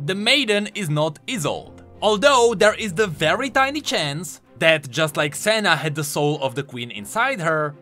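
Over background music, a video game lore YouTuber narrates an explainer in a bright, fairly high voice. He's highly animated, hitting his points with emphasis like an excited gaming commentator.

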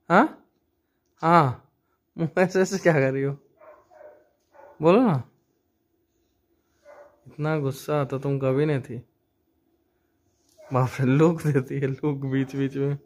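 Young man, home vlogger behind a phone camera, playful and coaxing, voice sitting a little high. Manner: coaxing, teasing, repeats himself. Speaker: vlogger filming his wife. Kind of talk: casual family vlog chat. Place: home at night.

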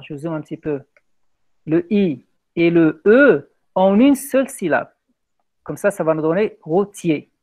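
Un homme, professeur, donne un cours de poésie française en visioconférence, patient et guidant ses élèves. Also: male voice, high-pitched, muffled recording. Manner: patient, guiding, repeats praise. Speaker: teacher. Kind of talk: online French poetry lesson.

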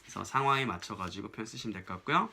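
A man teaching an English lesson in a casual, chatty way, often checking "right?" and saying English lines slowly as examples. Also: lowish voice, gravelly, bright, forceful tone, slightly rough.

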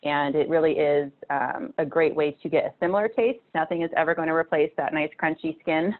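A woman in her thirties gives a casual nutrition talk over slides from a small room at home, chatty and full of fillers and restarts. Her deep voice is steady and a little fast. The webcam video call audio sounds tinny, like a phone.

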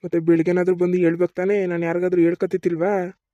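A man's voice: sits high, level tone, fast talker, mellow, no echo, lo-fi sound, lightly acted. A man playing a blunt, scolding village landlord, speaking. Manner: scolding, blunt, rustic talk.

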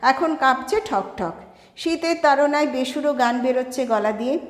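A woman reading a short story aloud in a measured way, shifting her tone for each character's lines. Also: high-pitched. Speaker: story reader. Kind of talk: scripted story narration with acted dialogue. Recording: echoey room with long reverb.

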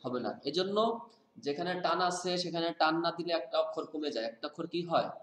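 Teacher quizzing his student, slightly high. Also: moderate pace, a bit bright, roomy sound. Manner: asks the student to repeat answers back. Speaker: Quran reading teacher. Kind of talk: conversational Quran lesson.

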